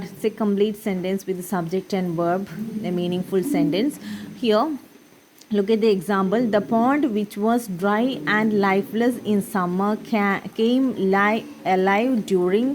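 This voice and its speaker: A woman's voice: mid-range voice, darkish tone, slight background noise, rough recording. A woman teacher with a Malayali accent explaining English grammar, switching between English and Malayalam and answering her own questions.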